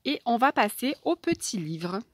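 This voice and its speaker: A woman vlogger chatting casually as she unboxes a parcel, soft and hesitant, with many fillers. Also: on the high side, very animated, normal speed.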